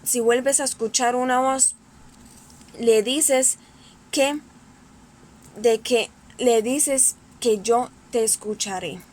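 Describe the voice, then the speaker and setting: A woman voicing an elderly male priest, speaking gently, slowly and with repetition. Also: on the high side. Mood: patient.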